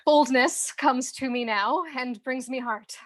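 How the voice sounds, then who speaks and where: A woman's voice: high voice, slow. An actress playing a witty young woman in love, flustered and laughing between lines of stage verse.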